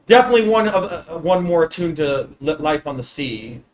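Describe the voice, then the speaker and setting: A woman's voice: low voice, lively intonation, a little fast, slight background noise, rough recording. A woman running a tabletop game as game master, improvising narration and often correcting herself. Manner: hesitant, self-correcting.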